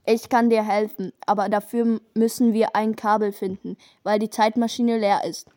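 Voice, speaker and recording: A woman voicing a female robot from the future, speaking in a robotic monotone in an amateur audio drama. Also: medium pitch, moderate pace, lightly acted.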